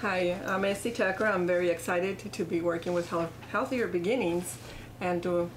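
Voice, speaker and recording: A woman's voice: on the low side, steady tone, normal speed. A woman guest on a local TV talk show introduces herself and admits to nerves, her words coming with small restarts. A faint hum of ambience lies under her voice. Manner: nervous, a little giggly. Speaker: bilingual outreach worker, guest.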